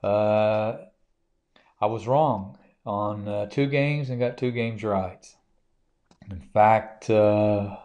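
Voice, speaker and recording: A man's voice: lowish voice, mellow. A man hosting a casual show, talking through his sports picks in a hesitant way with lots of fillers. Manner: hesitant, many fillers and restarts. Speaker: podcast host.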